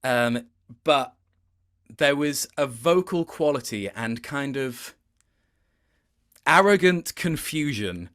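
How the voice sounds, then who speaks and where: A voice actor chats in a casual interview, halting and thoughtful, often stopping to restart his sentences. He has a mid-range, fairly bright voice with lively intonation.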